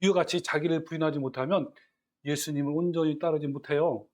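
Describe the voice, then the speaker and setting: A man preaching a sermon, his voice sitting a little higher than most men's. He throws rhetorical questions at his congregation. He also gives quoted scripture its own dramatic reading. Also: steady tone, a little fast, a little mellow. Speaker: pastor.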